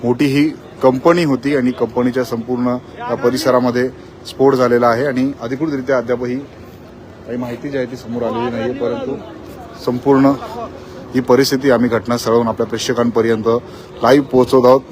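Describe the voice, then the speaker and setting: A man reporting live from the scene of a factory fire, in a quick, repetitive on-the-spot news style. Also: mid-range voice, little pitch movement, a crowd in the background. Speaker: field reporter.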